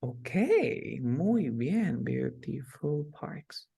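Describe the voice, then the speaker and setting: A man teaching an online English class over a video call, explaining slowly and repeating key words. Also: fairly high pitch, big pitch swings, gravelly, warm tone, breathy edge.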